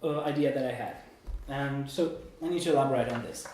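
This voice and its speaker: Here the young German-Italian man, a student in his 20s, talks fairly quickly at medium pitch with a slightly mellow sound. His live meetup presentation is informal, halting, rambling and self-mocking. The echoey indoor room, distant room mic and background noise all come through.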